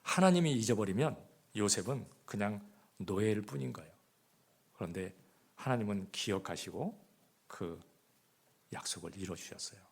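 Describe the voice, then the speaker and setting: A man preaching a sermon as pastor, often asking the congregation rhetorical questions, swinging between loud emphasis and hushed asides. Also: lowish voice, animated, moderate pace, creaky, pauses often, slightly rough. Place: church.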